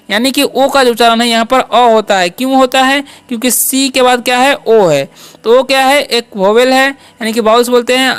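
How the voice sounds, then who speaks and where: Guy teaching english words, smooth clear voice, keeps asking students questions. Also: very high voice, fairly bright tone, no room sound. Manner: repeats questions to students, many fillers. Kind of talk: spoken English lesson.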